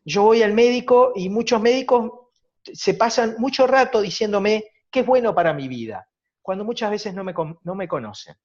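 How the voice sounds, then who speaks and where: A man's voice: high-pitched, expressive, moderate pace, darkish tone. Uruguayan man lecturing over a dull call. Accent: Uruguayan Spanish. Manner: reflective, explanatory, rhetorical tag questions. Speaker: psychologist lecturer. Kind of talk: virtual conference talk. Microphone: video call. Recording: dull lo-fi video call audio.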